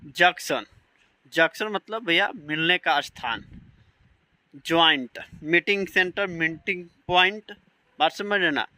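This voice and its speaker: A man's voice: on the high side, a little slow, pauses often, sharp tone, low-quality recording. A man teaching English vocabulary in an online lesson, spelling words out letter by letter and often checking that his students follow.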